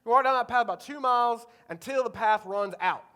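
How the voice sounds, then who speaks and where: A pastor doing a drawling rural North Carolina hunter. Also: male voice, extremely high pitch, a little fast, sharp tone, pitched above the performer's own voice. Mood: matter-of-fact. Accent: Eastern North Carolina. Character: rural male hunter, blunt, giving directions.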